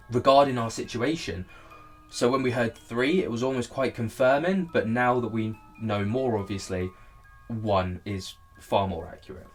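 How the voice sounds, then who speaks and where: A man with a slightly low-pitched voice talks casually and candidly as a host reviewing old footage. He is self-deprecating in how he tells it. Faint music plays underneath. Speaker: host looking back on own video. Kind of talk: casual reaction commentary.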